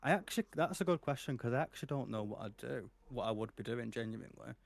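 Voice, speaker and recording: Animated young man chatting. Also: mid-range voice, quick pace, creaky. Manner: animated, laughs often, swears casually. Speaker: guest streamer. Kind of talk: casual podcast chat.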